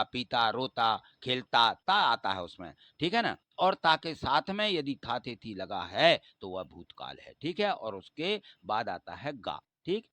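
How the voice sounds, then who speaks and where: Guy teaching a grammar class, middle pitch, asks a question then answers it himself, dry close sound. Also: a bit bright, no echo. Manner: explains step by step, asks and answers his own questions.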